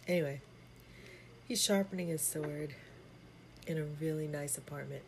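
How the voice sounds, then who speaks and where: A woman's voice: deep voice, a little mellow, slight background noise. A woman hosting a podcast, chatting casually over a movie with joking asides. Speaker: podcast host.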